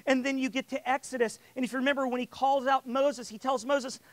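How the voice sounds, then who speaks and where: Man preacher, high voice, dry close sound, sermon delivery that swells in emphasis and repeats words at times. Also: fairly even intonation, a little fast, dry recording. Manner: builds in volume and emphasis on key lines; repeats words while searching for phrasing.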